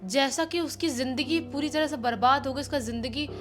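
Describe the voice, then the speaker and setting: A woman with a high, light voice narrates a spooky village tale in a relaxed, chatty way. She grows dramatic as the story tightens. Soft music plays faintly under her voice. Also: brisk. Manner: dramatic, rising in pitch and volume on emotional quotes. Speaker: horror storyteller. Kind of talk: casual spoken storytelling.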